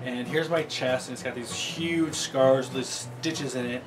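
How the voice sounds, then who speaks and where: A man vlogging, telling a story to camera in a casual, rambling way with halting restarts. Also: medium pitch, music in the background. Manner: rambling, grows loud and excited, yelps in quoted outbursts.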